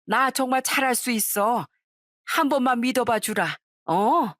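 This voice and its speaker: Woman putting on a shrill pushy mother-in-law. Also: lively intonation, measured pace, fairly bright tone, no echo, clean studio sound. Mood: wheedling. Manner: demanding, wheedling then shrill.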